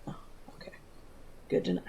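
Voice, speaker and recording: A woman streaming a game and chatting casually, often muttering quietly and swearing. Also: a little fast, faint music behind. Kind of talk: casual gameplay commentary.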